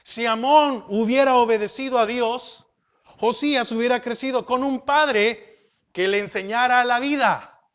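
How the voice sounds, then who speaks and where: High-voiced, slow-preaching male pastor. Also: highs cut off. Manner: preaching with rhetorical questions to the congregation; slow and emphatic, swings from loud to soft. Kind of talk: sermon.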